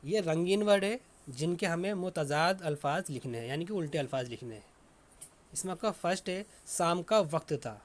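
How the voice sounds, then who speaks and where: A man with a slightly high voice teaches young pupils, dictating each answer slowly and saying it again as he writes it. His delivery is patient and repetitive, like a classroom teacher working through a worksheet. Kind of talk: online lesson for children.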